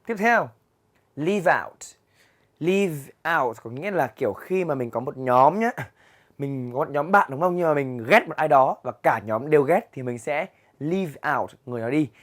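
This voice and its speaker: A man's voice: on the high side, animated. Vietnamese man teaching English words. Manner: explains patiently, reads English words aloud slowly. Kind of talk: vocabulary lesson for students. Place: classroom with a chalkboard.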